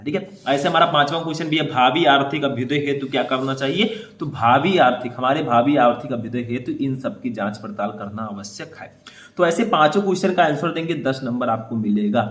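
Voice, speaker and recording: A man teaching how to write board exam answers. He explains step by step, checks in often with short confirmations, and reads passages aloud slowly. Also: on the high side, reverberant. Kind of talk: board exam writing lesson.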